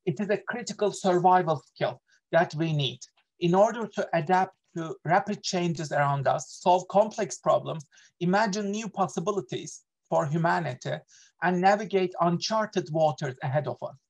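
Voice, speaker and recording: An associate professor from Turkey presents an online workshop over video call, speaking earnestly in a Turkish accent. The middle-aged man's voice sits high and sounds gravelly at a normal speed, full of fillers and self-corrections.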